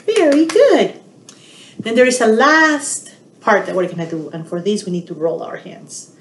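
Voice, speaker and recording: Speaking at a moderate pace in a voice on the high side, a middle-aged woman hosts storytime for young children and talks straight to them in an animated way. The home webcam recording in a small indoor room sounds roomy and echoey, with slight background noise.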